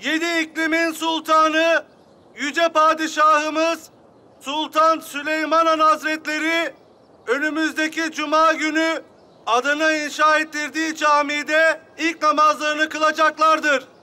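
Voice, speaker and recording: Town crier in Ottoman period drama: very high forceful voice, slow formal public proclamation. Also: flat delivery, slight background noise, exaggerated voice. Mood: proclaiming. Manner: loud, drawn-out, formal public calling.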